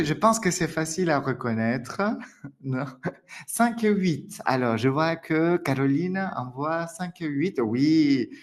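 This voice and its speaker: A French man teaching a live online lesson, friendly and laughing often, with a French accent. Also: on the high side. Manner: friendly, laughs often, many "d'accord?" and "alors". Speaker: French teacher hosting a webinar.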